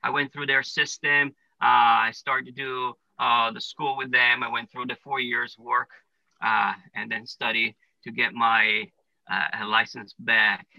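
Here a plumbing business owner from Italy, speaking with an Italian accent, replies to interview questions in a relaxed way, explaining step by step and filling gaps with "uh" and "you know." His pitch is medium and barely moves, his pace unhurried, with vocal fry and a pushed, bright quality. There's no room sound, and the audio is poor.

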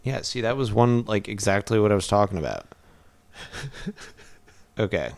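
Low-voiced laid-back guy chatting. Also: very animated, a little slow. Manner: rambling, laid-back, lots of fillers like "like" and "um". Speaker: podcast co-host. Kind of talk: casual chat.

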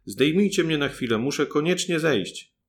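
A thumb-sized peasant boy, as a man puts him on in a storybook reading, bright and bold. He calls out eagerly in a raised, lively voice. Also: on the high side, moderate pace, voice pushed up, close to an everyday voice. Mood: cheeky. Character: tiny clever peasant boy, cheerful and bold.

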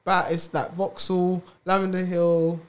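A man's voice: sits high, level tone, unhurried, clear, resonant tone. A young man with a South London roadman accent, bantering casually in thick street slang. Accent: South London roadman, multicultural London English. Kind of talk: casual group chat, heavy street slang.

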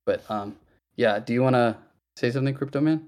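A man's voice: medium pitch, a little fast, a little mellow. A man hosting a casual online Q&A, chatty and loose, with many fillers and restarts. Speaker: project host. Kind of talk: casual audio-room Q&A.

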